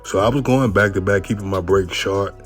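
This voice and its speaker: Deep-voiced man coaching casually. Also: a little fast, soft background music. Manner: relaxed, conversational, repeats "you know what I mean". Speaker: bodybuilder narrating his workout. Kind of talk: casual instructional voice-over.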